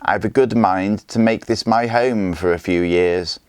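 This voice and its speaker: A cruel Viking warlord, smug and mocking as he talks, as a man puts him on. The voice stays low and close, near the reader's own, in a dry recording of a storybook reading. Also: measured pace, a little mellow, clean tone, no room sound, lightly acted.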